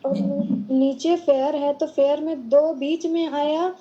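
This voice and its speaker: Female student, high but dark tone, slow, hesitant short answers, muffled sound. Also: steady tone. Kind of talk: answering in class.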